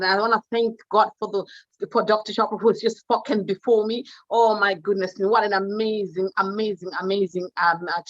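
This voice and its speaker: A Zimbabwean woman with a Zimbabwean accent gives an unscripted motivational talk on wealth as a guest speaker, emphatic and exuberant, repeating words for emphasis. Her voice is medium-pitched and a bit bright, recorded with no echo and the highs cut off.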